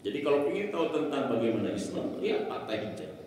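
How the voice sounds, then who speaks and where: A man's voice: mid-range voice, very animated, fast talker, darkish tone, a little hiss or hum. A man preaching a sermon in a mosque, emphatic, asking rhetorical questions and answering them himself. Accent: Indonesian. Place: mosque hall. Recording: echoey hall from far off.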